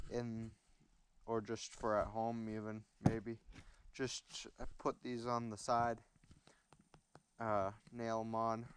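Young male vlogger, easygoing and unhurried, mid-range voice, faint background hiss. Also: mid-range voice. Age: young adult. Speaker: woodworking channel host. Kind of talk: casual vlog chat. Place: wood workshop, then snowy yard outdoors.

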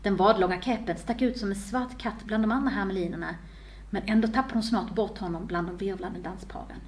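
A woman author reading her own story aloud with expressive storytelling. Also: medium pitch.

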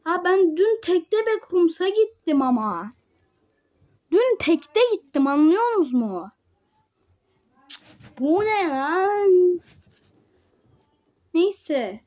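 A woman with a high-pitched voice comments on the game she is playing at a slow pace. She talks to her viewers like friends, with quiet muttered asides and frustrated outbursts. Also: very animated. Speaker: gamer. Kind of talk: gameplay commentary.

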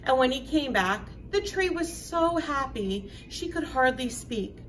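A woman's voice: sits high, animated, unhurried, a bit bright, slight background noise, poor audio. A woman from an elementary school staff reading a children's storybook aloud.

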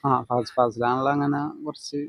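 A man's voice: medium pitch, steady tone, moderate pace, slight background noise. A man with a Malayali accent giving a casual film reaction as an interviewed moviegoer, mixing in English words. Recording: loud music under voice.

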